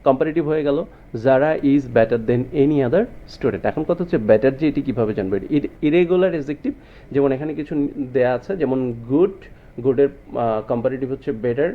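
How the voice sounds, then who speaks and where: A man explains grammar rules as a teacher, steadily putting rhetorical questions to his students. His voice sits at an ordinary middle pitch. The recording sounds slightly dull and lo-fi. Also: fairly quick. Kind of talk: explanatory lesson.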